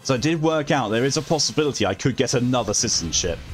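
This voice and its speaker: A man's voice: medium pitch, animated, fast. A man streaming a video game, chatting casually in a rambling, wry way with some swearing. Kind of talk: casual live game commentary and chat. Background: game music.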